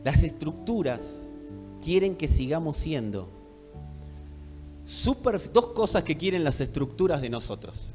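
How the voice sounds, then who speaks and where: A man from Buenos Aires with a Rioplatense accent, preaching a sermon emphatically and addressing the congregation directly, dropping to hushed tones and rising to loud ones. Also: fairly high pitch, big pitch swings, measured pace, pauses often. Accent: Rioplatense Spanish. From Buenos Aires, Argentina. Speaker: pastor. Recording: echoey hall with faint music.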